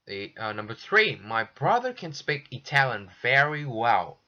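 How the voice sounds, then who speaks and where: Very animated, with a medium pitch and a pushed, bright voice, a man acts as an English teacher working through textbook exercises. Despite that energy he is patient and slow, restarting often, and the recorded lesson has a dull lo-fi sound.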